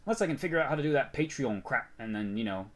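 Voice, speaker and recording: A man's voice: mid-range voice, expressive, racing, fairly bright tone. A man hosting a casual news rundown while sick, rambling and mocking himself, with frequent restarts. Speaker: channel host.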